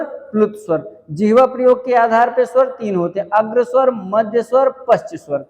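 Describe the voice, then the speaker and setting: High-voiced man teaching in an echoing hall. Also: a little mellow. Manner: asks the class questions and answers them himself, repeating key points slowly. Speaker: Hindi teacher. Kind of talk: exam-prep grammar lecture.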